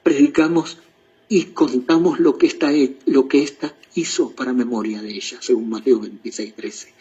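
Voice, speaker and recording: A man with an Argentine accent preaching a sermon, reading quotations with emotion and swinging from loud to hushed. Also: mid-range voice, normal speed, breathy edge. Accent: Argentine Spanish. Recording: muffled dull recording.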